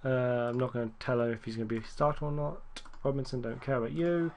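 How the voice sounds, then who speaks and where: A man giving casual, rambling gameplay commentary, correcting himself often and getting excited at near misses. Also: medium pitch, quick pace, slight background noise. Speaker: gaming YouTuber.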